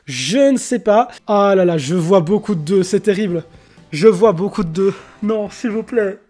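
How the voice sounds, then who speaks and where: A young man hosting a live-streamed anime vote, casual and slangy, with bursts of excitement. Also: sits high, moderate pace, faint music behind. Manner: excitable, slangy, mixes English exclamations.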